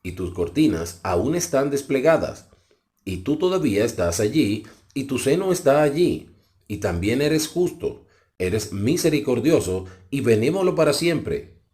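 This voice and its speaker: A man reading as an aged prophet questioning heaven in reverent awe. The tone is warm and dark, and the pitch moves expressively. The delivery is solemn and declaimed. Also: sing-song, a little slow. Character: pleading old male prophet, reverent and awed. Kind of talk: scripture reading.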